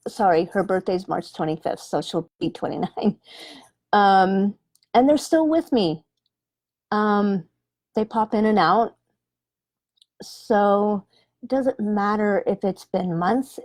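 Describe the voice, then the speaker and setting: A woman in her forties, a medium on a live stream, speaking gently with many pauses and ums. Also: medium pitch, no room sound, clean studio sound. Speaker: animal communicator and medium. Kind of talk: live-stream chat with viewers. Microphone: webcam or phone livestream.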